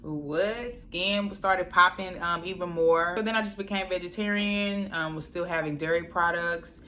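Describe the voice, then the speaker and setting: A woman's voice: lowish voice, normal speed, a little hiss or hum. A young woman from Texas, chatting playfully and animatedly in a casual vlog. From Dallas, Texas, USA. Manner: playful and animated, slips into quoted voices and laughs. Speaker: vlogger.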